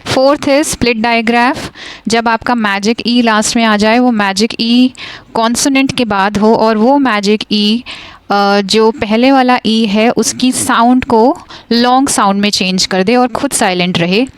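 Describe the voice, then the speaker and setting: Slow, clear teacher woman. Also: a little high, dry recording. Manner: switches between slow, drawn-out example words and fast explanations. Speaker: phonics teacher. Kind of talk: explaining a lesson, mixing Hindi and English.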